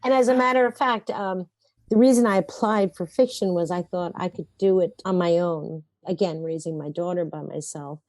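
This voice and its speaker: Speaking at a moderate pace in a fairly low, darkish voice, a female playwright relaxes into an interview and recounts self-deprecating, wry tales about herself. There's no echo on the recording.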